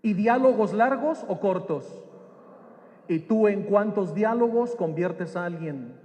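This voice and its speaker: A male preacher tells a personal story and asks his listeners questions. His voice is high and his pace is slow. A long reverb trails after his words, as in a large hall. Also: lively intonation, mellow. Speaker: preacher and Bible teacher. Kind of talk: storytelling sermon.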